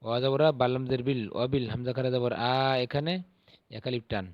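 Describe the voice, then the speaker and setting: A man's voice: mid-range voice, fairly even intonation, dry recording, lo-fi sound. Patient male Quran teacher, dry close sound. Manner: patient, spells syllables slowly then drawls out the recited words. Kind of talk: spelling-out Quran recitation lesson.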